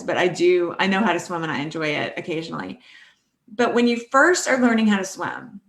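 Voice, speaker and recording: A middle-aged woman coach leads a live online class in an encouraging, conversational way. She often stops to put questions to her audience. Her voice sits at an ordinary pitch and carries a noticeable room echo. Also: fairly bright tone. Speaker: life coach.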